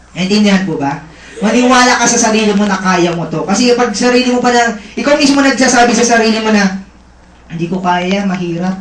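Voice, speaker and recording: Lively male seminar presenter, echoey room. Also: extremely high pitch. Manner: lively, teasing crowd work with frequent check-ins. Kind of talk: motivational seminar talk.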